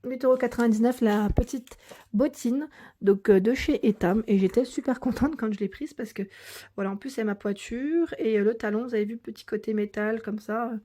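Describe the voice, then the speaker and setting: A woman's voice: a little high, moderate pace, mellow. A young woman with a daughter chatting casually through a shopping haul, hesitant and full of fillers. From France.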